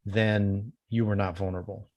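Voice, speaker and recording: A man co-hosting a security podcast, calmly explaining and correcting how a term is used. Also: lowish voice, moderate pace, no room sound, lo-fi sound. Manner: explanatory, sets terms straight. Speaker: podcast co-host. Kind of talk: casual security podcast chat.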